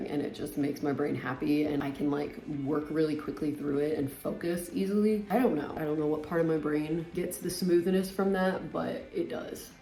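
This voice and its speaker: In a low, creaky yet mellow voice, a woman in her late twenties vlogs a chatty get-ready-with-me monologue as she applies makeup. She keeps it informal, leans heavily on fillers and constant "like"s, and lets sentences trail off. The room adds noticeable echo.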